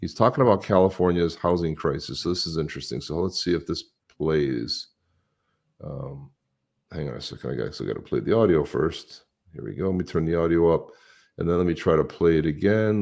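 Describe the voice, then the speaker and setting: A man with a very low voice hosts a podcast in loose, unscripted chat. He talks bluntly and crudely, rambling as he reacts to clips. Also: a little fast, gravelly, darkish tone. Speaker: podcast host.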